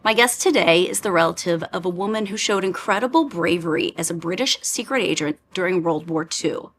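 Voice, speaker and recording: A woman's voice: lowish voice, expressive, brisk, faint music behind. A woman podcast host asking encouraging questions in an interview.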